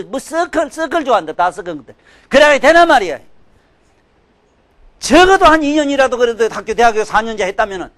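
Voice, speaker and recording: An older man giving a sermon, scolding and emphatic, swinging from loud outbursts to low mutters. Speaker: Buddhist dharma teacher.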